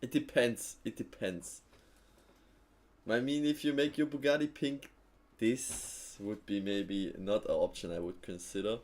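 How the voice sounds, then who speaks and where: On his live trading stream, a man with a rather low voice talks in a casual, easygoing way. His replies to viewers come as spoken-out-loud thinking, full of fillers and punctuated by ready laughs.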